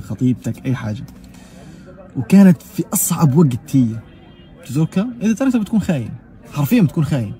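A young man with a Gazan Arabic accent speaks to camera at a very quick clip. His voice sits low and mellow rather than bright, and he piles on oaths to stress each point. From Gaza. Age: young adult. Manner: emphatic, swears oaths often, talks rapidly. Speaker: vlogger. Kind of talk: casual personal monologue.

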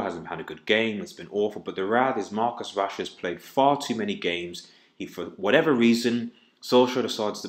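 A man hosting a fan channel, giving a frustrated, emphatic post-match reaction and repeating words for stress. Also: fairly low pitch. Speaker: football fan channel host. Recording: echoey room.

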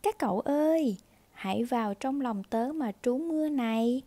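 A woman voicing a shy, lonely little clay teapot, childlike and expressive, while reading a storybook to a toddler. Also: high voice, moderate pace. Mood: shy, inviting.

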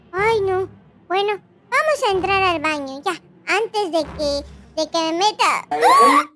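A woman with a very high, bright voice narrates a playful game role-play for young viewers. She swings into squealing, over-the-top exclamations, and cheerful children's music plays clearly behind her. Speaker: gaming YouTuber. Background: cheerful children's background music.

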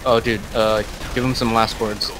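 A man's voice: fairly low pitch, normal speed. A young man chatting and teasing his friends while playing a co-op game. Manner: teasing, laughing, animated. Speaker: co-op gamer. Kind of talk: casual gaming chat. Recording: game music behind the voice.

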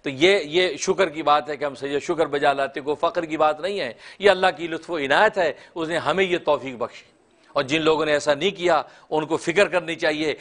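A middle-aged man, a mufti, giving an impassioned sermon-style address with an Urdu accent, recorded indoors on a lapel mic. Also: sits high. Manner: impassioned, sweeping hand gestures, rising to near-shouts when quoting. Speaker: mufti, religious speaker. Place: small indoor studio room.

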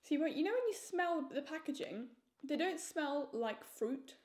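Young woman, high-pitched voice, casual crisp-tasting review, enthusiastic, emphatic repetition. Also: animated, a little slow, darkish tone. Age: young adult. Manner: enthusiastic, repeats words for emphasis. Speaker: food reviewer. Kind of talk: casual snack review to camera.

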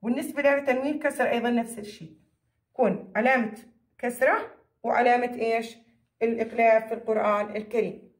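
A woman's voice: a little high, steady tone, fast. A woman teacher with a Jordanian accent giving a recorded lesson to children, repeating key phrases and answering her own questions. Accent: Jordanian Arabic. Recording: echoey room.

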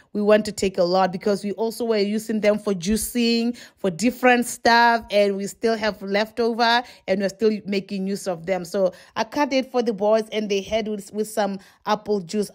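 Woman, casual home vlog, warm, emphatic, repeats phrases. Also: medium pitch, moderate pace, hardly any pauses. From Botswana. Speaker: vlogger.

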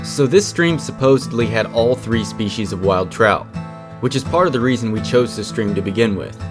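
A man calmly narrating a fishing trip in a scripted voice-over. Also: medium pitch, moderate pace. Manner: calm, matter-of-fact storytelling. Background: guitar music.

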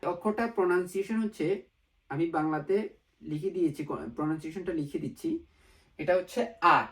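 A man's voice: sits high, quick pace, fairly bright tone, low-quality recording. Man teaching step by step, repeating himself. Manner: repetitive, asks and answers own questions; mixes English words into Bengali. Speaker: Japanese language teacher. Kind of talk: whiteboard lesson narration.

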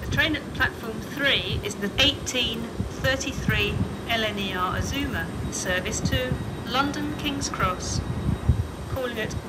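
Slow woman's train station PA announcement. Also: a little high, very noisy. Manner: slow, measured, evenly spaced words. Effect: train station public address announcement over loudspeakers. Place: railway station platform.

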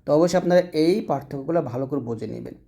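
A man's voice: a little high, lively intonation, warm tone. A man teaching Quran reading, patiently explaining how each letter is pronounced and repeating the points step by step. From Bangladesh. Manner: patient, repetitive explanation with drawn-out letter demonstrations. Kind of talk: lesson.

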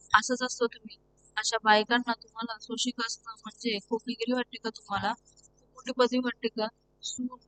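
A woman voicing a hot-tempered young husband who scolds and fires off questions, over a steady hum. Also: fairly high pitch, low-quality recording.

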